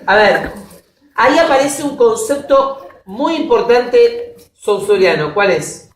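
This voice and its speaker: A woman giving a university lecture, often checking that her students follow with quick questions. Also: a little high, lively intonation, slight background noise. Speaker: linguistics lecturer. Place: classroom. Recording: roomy classroom audio from a distance.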